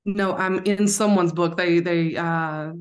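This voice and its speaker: Southern woman, slightly low voice, frank upbeat coach, casual interview guest. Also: steady tone, slow pace. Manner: frank, upbeat, many restarts and "right?".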